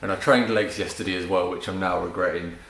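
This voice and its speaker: A man's voice: low-pitched, steady tone, fast talker, vocal fry, a bit bright, reverberant, low-quality recording. A male fitness instructor leading a home workout, casual and encouraging, calling out cues while he exercises and getting out of breath. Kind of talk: home workout class demo.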